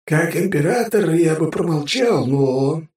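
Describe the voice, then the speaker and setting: A man voicing a disembodied emperor's spirit, high and echoey. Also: expressive, a little slow, a little mellow, far from the mic. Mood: grudging. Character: male emperor's spirit living in the suit, grudging helper. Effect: disembodied voice heard inside the hero's head. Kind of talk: audiobook character voice.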